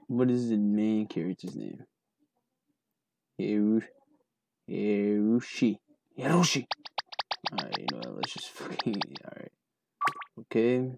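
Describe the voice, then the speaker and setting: A man's voice: lowish voice, vocal fry, background noise. A young man casually commentating a horror game, swearing often, stumbling over names and reading the dialogue aloud. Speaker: gaming channel host. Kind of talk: casual let's play commentary.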